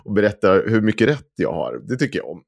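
A man co-hosting a podcast, teasing and laughing in low-key interjections. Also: very animated, gravelly. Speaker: podcast co-host. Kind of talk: casual podcast banter.

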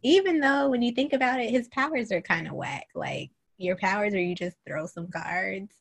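A woman in her thirties co-hosts a casual podcast, telling the episode's events in an animated, profane way. Her voice sits at an ordinary pitch, and she laughs often as she talks. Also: moderate pace. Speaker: podcast co-host. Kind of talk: casual chat recapping a TV show.

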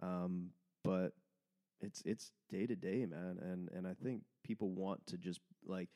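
A man's voice: low-pitched, fairly even intonation, a little slow, warm tone. A man, a comedian guest on a podcast, speaking frankly, laughing easily and acting out little quoted exchanges. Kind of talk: casual conversation.

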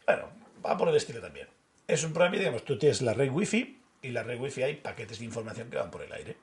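Male podcast co-host, 30s, rapid and gravelly, animated storyteller. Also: mid-range voice. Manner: animated storyteller who acts out dialogue. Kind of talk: casual storytelling chat.

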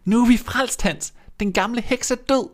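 Male narrator playing a high-voiced, earnest little storybook girl. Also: close to an everyday voice. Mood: overjoyed. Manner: pleading, earnest. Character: frightened brave little girl.

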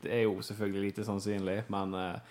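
A man's voice: sits low, level tone, darkish tone. A man co-hosting a podcast in casual chat, hesitant with many fillers. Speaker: podcast co-host.

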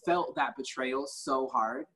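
A woman chatting casually about a TV series, animated and profane, stumbling over her words when excited. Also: extremely low pitch, takes it slowly, low-quality recording.

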